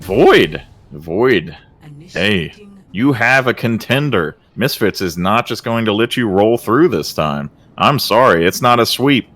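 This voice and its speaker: A man doing excitable play-by-play commentary for an esports match, with casual filler words. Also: fairly low pitch. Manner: excitable, gets louder and faster in big plays. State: out of breath. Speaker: esports caster.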